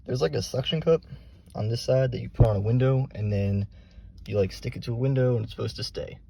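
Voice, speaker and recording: A man's voice: mid-range voice, fairly quick, vocal fry, warm tone. A man chatting casually to his phone camera as an amateur vlogger.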